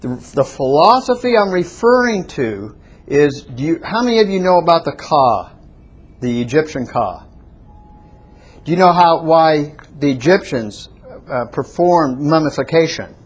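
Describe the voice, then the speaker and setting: Husky guy preaching, kinda higher voice, reads slow then gets loud and emphatic. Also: expressive. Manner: reads slowly from a prepared text, rising to emphatic peaks. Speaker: pastor. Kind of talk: sermon.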